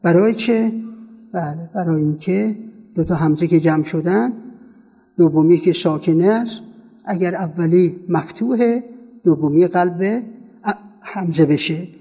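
A man's voice: sits high, long pauses, dark tone, breathy edge. A man teaching a seminary class, quizzing his students and repeating word forms for them to copy. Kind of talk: classroom lecture on Arabic grammar. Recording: long reverb from a hall.

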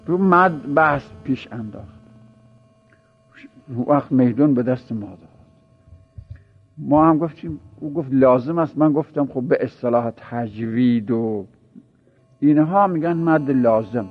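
A man's voice: medium pitch, long pauses, breathy edge, narrow, tinny audio. Man giving an informal religious lecture. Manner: conversational, explaining with repeated examples. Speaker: religious teacher.

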